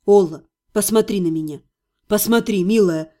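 A woman's voice: mid-range voice, normal speed, dark tone, voice pushed down, lightly acted. A woman reading an audiobook voices a young male necromancer who coaxes his beloved tenderly. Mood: pleading. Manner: tender, coaxing.

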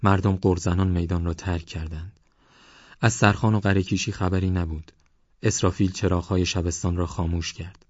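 Deep-voiced male audiobook narrator. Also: fairly even intonation, a little mellow, no room sound, lo-fi sound. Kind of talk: scripted narration.

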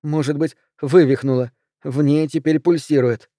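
A man's voice: fairly high pitch, fairly even intonation, normal speed, mellow, dry recording, studio quality, natural voice. A man reading a wounded young woman in an audiobook, urgent and strained. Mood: pained.

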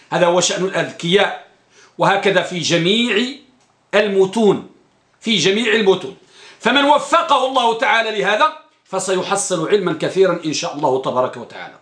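In a reverberant space, a man with a high, pushed, bright voice teaches an Islamic studies class on a hadith text. He poses questions to his students, answers them himself, and repeats key phrases.

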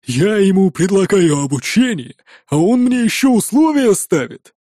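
Burly mocking warrior with a deep bass, gruff and slow, read by a male narrator. Dry, close sound. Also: sing-song, warm tone, dry recording.

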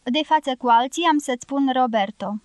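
A shy young girl with a soft, eager voice, lifted high and bright, as a woman reads her. She speaks in a caring tone. The reading sounds dry and close. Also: dry recording, natural voice. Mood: tender.

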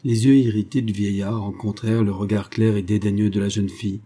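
A man reading a classic story aloud as audiobook narrator, measured and expressive. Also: on the low side.

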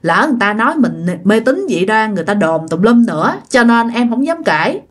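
In a spoken ghost story, a woman plays a tired working wife who speaks softly and sounds bewildered. Her voice is higher-pitched, and her manner is plain and gentle. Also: big pitch swings, a little fast. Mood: weary, puzzled.

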